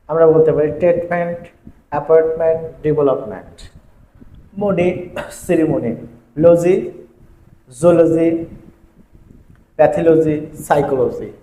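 A man teaching English grammar in a video lesson, going through word lists in a steady, repetitive rhythm. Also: a little high. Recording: echoey room with faint ambient noise.

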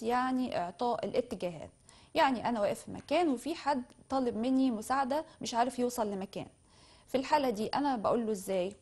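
A woman with an Egyptian Arabic accent teaching English vocabulary, speaking slowly and carefully when she models the English phrases and more quickly when she explains them. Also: a little high, a little mellow. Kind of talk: classroom lesson explaining vocabulary.

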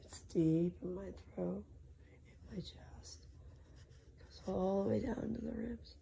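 A woman talking personally to listeners, losing her voice from laryngitis with a cough, hoarse and breathy, often slipping into a whisper, halting as she goes. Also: mid-range voice, dark tone, slight background noise.

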